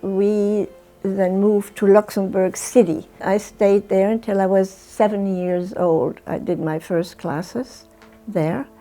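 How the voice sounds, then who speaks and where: A woman in her nineties from Germany, telling her life story in a slow, reflective oral history interview with small hesitations. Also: mid-range voice, steady tone, mellow, faint music behind. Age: 90s. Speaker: Holocaust survivor interviewee.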